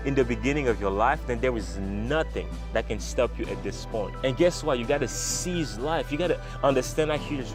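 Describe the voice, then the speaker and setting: A man's voice: medium pitch, normal speed, hardly any pauses. Earnest motivational man over music. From Congo. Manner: earnest, emphatic, repeats phrases for effect. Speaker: motivational vlogger. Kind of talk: motivational monologue to camera. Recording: music playing underneath.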